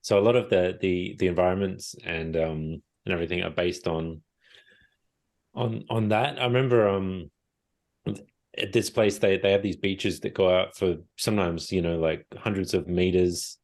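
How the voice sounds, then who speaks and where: A man's voice: sits low, fairly even intonation, normal speed, darkish tone. A man from South Australia, an author, chatting casually, rambling and hesitant with repeated words. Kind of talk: casual chat.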